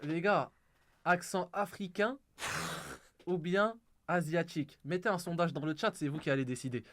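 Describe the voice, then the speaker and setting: A man's voice: a little high, big pitch swings, unhurried, a bit bright, a little hiss or hum. A young man hosting a stream, teasing his guest and talking to his chat. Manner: teasing, mischievous, addresses chat. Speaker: streamer host.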